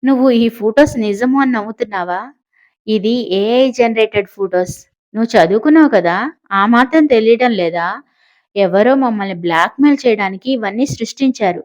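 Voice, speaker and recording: A woman's voice: fairly high pitch, lively intonation, a little mellow, dull audio, natural voice. A woman voicing a scheming young woman who boasts, mocks and snaps angrily, in an audiobook. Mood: mocking. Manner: boastful, mocking, quick to anger.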